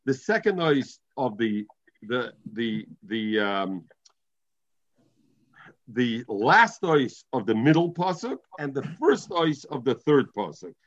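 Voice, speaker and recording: A man's voice: mid-range voice, very animated, slow pace, lo-fi sound. A man with a Yiddish-inflected accent teaching an informal Talmud lesson, reading and explaining, often repeating and restating phrases. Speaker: religious teacher.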